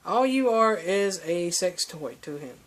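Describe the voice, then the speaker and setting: A man's voice: sits high, animated, measured pace, a bit bright. A young man delivering a preachy, ranting opinion monologue, full of restarts and fillers. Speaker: vlogger.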